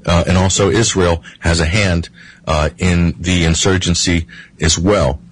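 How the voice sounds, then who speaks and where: A man with a husky voice giving analytical political commentary as an interview guest, emphatically laying out points one by one with halting starts. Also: low-pitched, steady tone, poor audio.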